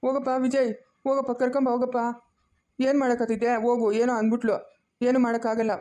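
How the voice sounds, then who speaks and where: A woman's voice: a little high, flat delivery, fast, mellow, close to an everyday voice. A woman playing a worried father in a family drama skit, urging his children to go right away.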